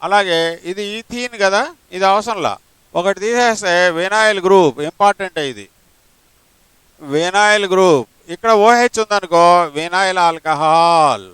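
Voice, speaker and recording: High-voiced male chemistry teacher lecturing. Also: normal speed, fairly bright tone, clear, resonant tone, dry recording, poor audio. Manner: explains step by step, asks rhetorical questions; mixes English terms into his talk. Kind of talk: classroom lecture.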